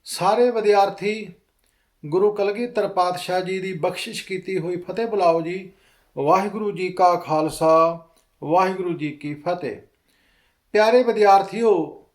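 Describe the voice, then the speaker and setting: A man teaching correct pronunciation of scripture, reciting each line slowly and deliberately. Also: high-pitched. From Punjab. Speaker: kirtan teacher. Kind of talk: recorded lesson on scripture pronunciation.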